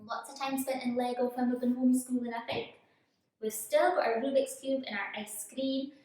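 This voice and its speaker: Woman, kids show host, encouraging, questioning, higher voice, very roomy echo, distant mic. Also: steady tone, normal speed, a little mellow. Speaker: children's church show host. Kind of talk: kids show presenting, talking to children. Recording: very echoey room, distant microphone.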